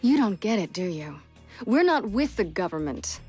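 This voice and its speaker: Stern commanding female agent in a game cutscene, firm, businesslike, mid pitch. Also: big pitch swings, moderate pace, darkish tone, breathy edge, faint music behind. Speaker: interrogating agent. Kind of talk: video game cutscene voice acting.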